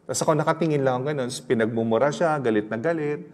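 A man's voice: medium pitch, fast talker, long reverb tail. A man with a Filipino accent preaching a sermon, telling stories in a chatty way and asking his listeners questions. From Philippines. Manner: mixes English into Tagalog, chatty storytelling with laughs and audience questions. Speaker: pastor.

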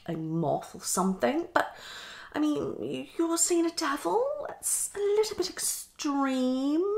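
A young woman with a high voice improvises a quick ASMR roleplay as a psychologist from a small indoor room at home, with a little hiss or hum audible. She asks hesitant questions and keeps repeating brief phrases.

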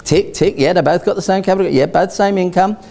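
A man voicing a calm, methodical partner who ticks through a checklist in a flat, matter-of-fact way. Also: high voice, quick pace, gravelly, pitched above the performer's own voice.

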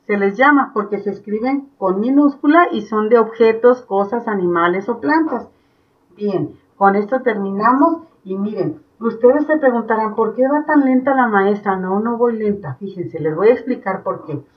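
A woman teaching young children in an online class, with a Mexican Spanish accent, explaining slowly and patiently step by step. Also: fairly high pitch, distant mic. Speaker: primary school teacher. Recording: dull sound from off the mic.

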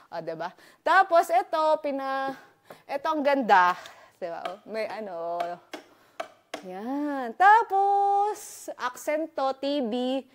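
A woman from the Philippines, excited and chatty, walking through her new house on a casual vlog tour and mixing in English words. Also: high-pitched. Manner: excited, chatty, filler-heavy, switching between Tagalog and English. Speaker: vlogger giving a house tour.

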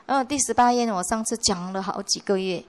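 A woman's voice: mid-range voice, brisk, a little mellow, clear, resonant tone. A Buddhist nun giving a conversational dharma lecture in a monastery hall, slipping in English words and often asking her listeners whether they follow. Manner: conversational, mixing English words, frequent rhetorical checks.

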